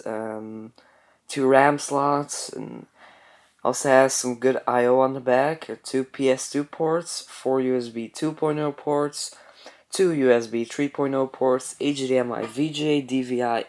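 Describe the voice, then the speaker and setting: Young male tech vlogger, mid pitch, relaxed and unpolished, filler-heavy. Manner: relaxed, many ums and restarts. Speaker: tech video creator. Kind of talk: casual product walkthrough.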